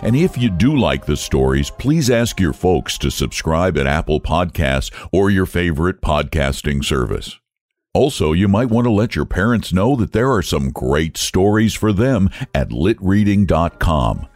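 A man reading a children's storybook aloud in an expressive, lilting way, close to the mic. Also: low-pitched, a little slow, faint music behind. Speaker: children's story podcast narrator.

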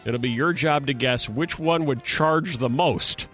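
Bright-voiced American man hosting morning radio. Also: medium pitch, unhurried. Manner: playful, joking. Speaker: radio show host. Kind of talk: morning radio contest banter. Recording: music bed behind voice. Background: background music.

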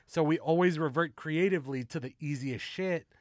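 A man's voice: on the high side, moderate pace, dry recording, clean studio sound. A man hosting a casual podcast, laid-back and slangy, swearing and asking "you know what I mean" a lot. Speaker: podcast host.

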